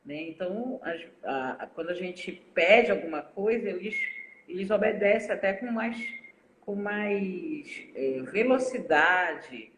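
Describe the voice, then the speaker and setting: A school staff member hosting a live talk from the director's office, telling stories with many pauses and "né". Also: medium pitch, expressive, fairly bright tone, a little hiss or hum. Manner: halting, with many 'né' fillers. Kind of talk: anecdotal chat in a live talk. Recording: roomy echo of an office.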